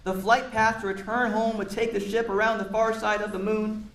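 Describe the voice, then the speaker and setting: A man reads a picture book to children at normal speed, his high, fairly bright voice delivered flatly. He encourages his young listeners and chats in asides about word meanings and questions for them, in a roomy space that echoes.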